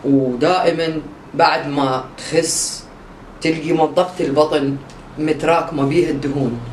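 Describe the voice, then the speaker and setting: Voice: mid-range voice, distant mic, lightly acted. Someone playing a brusque diet doctor with an Iraqi accent. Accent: Iraqi Arabic. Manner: curt, brusque. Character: irritable, short-tempered diet doctor. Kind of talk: comedy sketch acting. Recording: echoey room, voice from afar, faint hiss.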